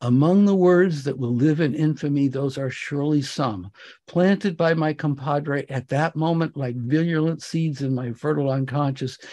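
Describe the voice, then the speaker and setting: An author reads his own comic fiction aloud in a slightly high voice, and his narration is expressive, wry and theatrical.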